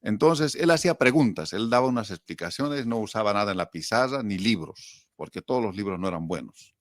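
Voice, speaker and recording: Low-voiced Bolivian man, casually reminiscing. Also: a little fast, no echo, studio quality. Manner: animated storyteller, acting out quotes and asking himself rhetorical questions. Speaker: interview guest.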